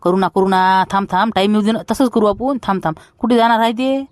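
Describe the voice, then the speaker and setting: An exasperated, grumbling village father , played by a man in a Vidarbha comedy sketch. He talks fast in a Vidarbha Marathi accent, his voice pitched high. The recording is dry and close. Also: dry recording. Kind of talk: comedy skit.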